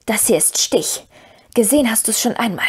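A woman voicing an earnest male hobbit in an audiobook, calm and firm. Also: fairly high pitch, moderate pace, slightly rough. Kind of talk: audiobook reading.

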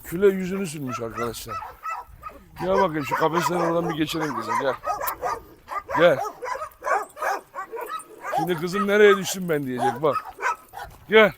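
A man's voice: a little high, expressive, moderate pace, long pauses. A man running a casual farm vlog, calling and coaxing his dogs while talking to viewers. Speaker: dog breeder vlogger. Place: outdoor farm with dog cages. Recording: loud background noise and barking dogs.

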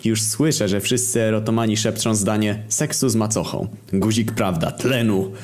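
A man's voice: fairly low pitch, fairly even intonation, moderate pace, darkish tone. A man reading a comic story aloud, with sardonic asides and exaggerated turns.

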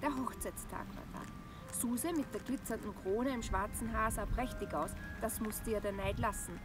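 A woman's voice: fairly high pitch, moderate pace. A woman reading a fairy tale aloud expressively for children. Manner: expressive, acts out voices in dialogue. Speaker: storyteller. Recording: distant with background music.

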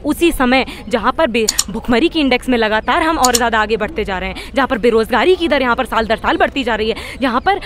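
A young woman with a high voice speaks as a student activist at an outdoor street protest. She talks in a fiery, rhetorical way, stumbling over restarts as she builds her point, with several handheld press mics held close to her. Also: lively intonation, brisk, few pauses, a bit bright. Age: young adult. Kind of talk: impassioned street interview.

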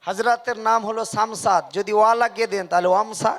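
A man preaching a sermon at a religious gathering over a PA microphone, singing drawn-out devotional verses and calling on the crowd to answer aloud. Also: sits high, fairly even intonation, fairly bright tone. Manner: chants drawn-out devotional verses, then preaches in quick bursts; calls on the crowd to respond aloud. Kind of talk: Bengali waz sermon with sung verses.

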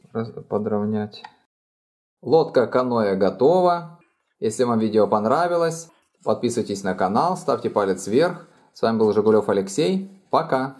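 A middle-aged man calmly explaining each fold in a step-by-step origami tutorial, recorded indoors at a table. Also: fairly low pitch. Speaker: origami instructor. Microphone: overhead camera framing hands only.

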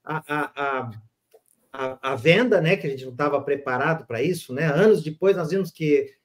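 High-voiced Brazilian man telling stories. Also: normal speed. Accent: Brazilian Portuguese. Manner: animated storyteller with frequent restarts. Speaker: podcast host. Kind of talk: casual storytelling conversation.

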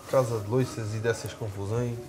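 A man's voice: on the low side, fairly even intonation, fairly quick. A man, a reality show contestant talking over others in a casual argument, reassuring. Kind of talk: heated casual conversation.

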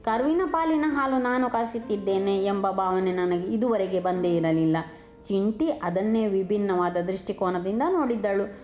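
Woman narrating a storybook calmly. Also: mid-range voice, normal speed, dull audio, slight background noise. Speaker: storyteller, channel host. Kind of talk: audiobook narration.

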